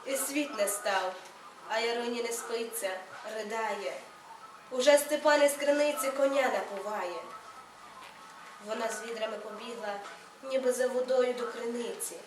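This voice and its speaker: A young woman student reading a poem aloud in a soft, measured recitation at a college. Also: a little high, background noise. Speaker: student reader. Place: college hall. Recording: echoey room, read from far off.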